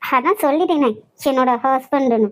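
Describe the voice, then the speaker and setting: A woman with a Nagercoil Tamil accent voicing a feisty young woman in a cartoon, loud and quick-tongued. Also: sits high, natural voice, poor audio. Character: feisty young woman job-seeker, brash and fearless. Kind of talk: cartoon voice acting.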